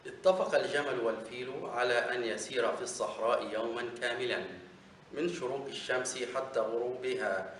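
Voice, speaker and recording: A man teacher reading a children's bedtime story aloud in a measured, formal way. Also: medium pitch, a bit bright. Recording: echoey room, distant mic, faint noise.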